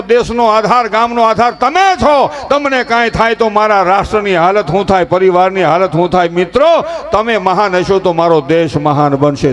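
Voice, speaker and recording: A man telling humorous folk stories to a live audience, animated and preachy, acting out characters as he goes. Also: high voice. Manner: animated, acts out characters and preaches with raised emphasis. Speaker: folk storyteller at a dayro.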